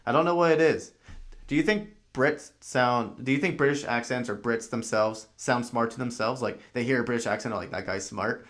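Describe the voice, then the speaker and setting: A man's voice: mid-range voice, steady tone, a little fast, a bit bright. Rambling male podcast host. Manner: rambling, many fillers, thinks aloud. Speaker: podcast host reacting to a video. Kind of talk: casual live-stream commentary.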